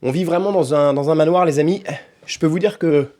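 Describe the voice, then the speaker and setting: A French man in his thirties vlogs casually to camera, speaking informally with lots of fillers and slang. His voice is fairly high-pitched, brisk and a little mellow.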